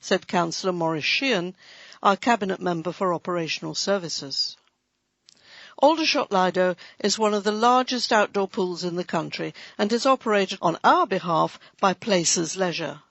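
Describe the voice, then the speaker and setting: Creaky voice reading out council news, bit cheeky, dry flat lo-fi sound. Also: mid-range voice, moderate pace, no room sound. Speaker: audio magazine reader. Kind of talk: scripted reading of a council magazine. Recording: dry, dull lo-fi recording.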